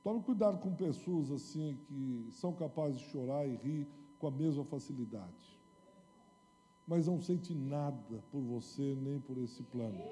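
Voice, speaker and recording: A man preaching a sermon in Portuguese, dramatic, moving between quiet storytelling and loud shouting. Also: mid-range voice, measured pace, big-room sound, soft background music.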